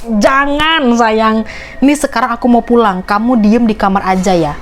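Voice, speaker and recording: A woman's voice: fairly high pitch, moderate pace, soft background music, lightly acted. A woman reading the chat lines of a husband working late, soothing and protective toward his wife. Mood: worried.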